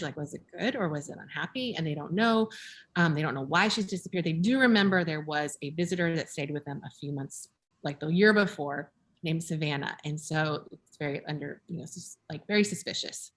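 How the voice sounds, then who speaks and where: A woman with a fairly low voice chatting about books over a video call. She talks in an animated, gossipy way, acting out little quoted asides, and the sound comes through a video-call mic. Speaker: bookshop book buyer. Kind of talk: casual book chat over video call.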